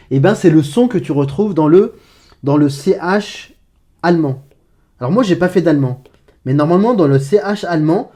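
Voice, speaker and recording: Mellow-voiced man giving a chatty Arabic lesson. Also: on the high side. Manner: informal, chatty, addresses the viewer as tu, self-corrects often; demonstrates throaty sounds slowly and repeats them. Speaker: Arabic teacher. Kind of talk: casual online language lesson.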